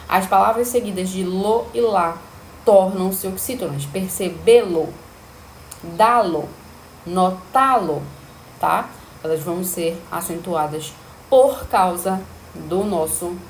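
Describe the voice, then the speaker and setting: A woman's voice: fairly low pitch, measured pace, a little mellow. Female teacher giving a grammar lesson, patient and explanatory, recorded in a roomy space with faint noise. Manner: explanatory, checks in with listeners often. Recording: echoey room, faint ambience.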